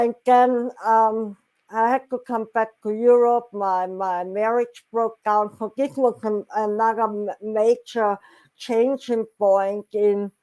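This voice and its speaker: Woman, Austrian German accent, middle-aged, interview guest, slow, halting, searching for words. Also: mid-range voice, warm tone, rough recording. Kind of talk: casual interview chat.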